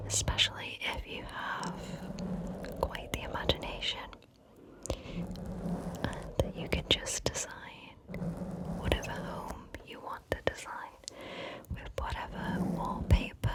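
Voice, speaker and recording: Female ASMR host, unhurried breathy whisper, close ear-to-ear mic, gentle casual chat. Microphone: close microphone, ear to ear.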